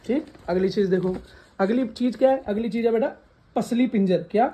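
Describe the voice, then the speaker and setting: A woman's voice: fairly high pitch, normal speed, dark tone, slight background noise. A woman science teacher leading a classroom lesson, asking questions and having the class repeat answers back to her. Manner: repeats questions for the class to echo, calls students "beta"; scolds laughing students. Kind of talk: classroom lesson with call-and-response. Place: classroom with students present.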